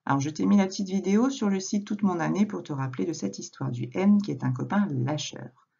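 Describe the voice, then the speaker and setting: A woman teacher recording a reading lesson for a young child at home, speaking slowly and patiently, addressing the child directly. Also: fairly low pitch, gravelly, mellow, slightly rough, highs cut off. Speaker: primary school teacher.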